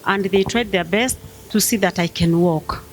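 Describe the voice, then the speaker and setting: A woman's voice: mid-range voice, moderate pace. Woman, 50s, hesitant plain testimony, mixes in swahili words, faint music. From Tanzania. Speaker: guest sharing testimony. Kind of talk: personal testimony interview.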